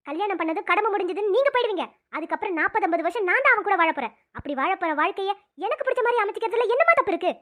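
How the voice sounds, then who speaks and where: A woman's voice: very high-pitched, animated, racing, few pauses, a bit bright. A woman voicing a stubborn young woman in a cartoon, firm and pleading by turns. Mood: defiant. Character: defiant young woman, stubborn about marriage. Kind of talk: cartoon voice acting.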